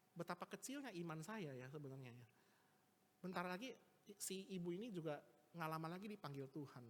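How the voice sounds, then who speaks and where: A man's voice: sits high, fairly bright tone. A male evangelist telling a personal story in a casual, chatty sermon, full of small tag words and restarts. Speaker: evangelist preacher. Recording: long church-hall reverb.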